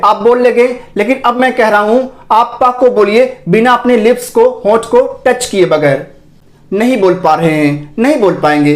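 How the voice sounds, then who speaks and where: A man teaching a pronunciation class, asking himself questions and repeating each sound slowly for the learner. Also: high-pitched. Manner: explains slowly, asks rhetorical questions, repeats sounds for drill. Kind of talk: online class lesson.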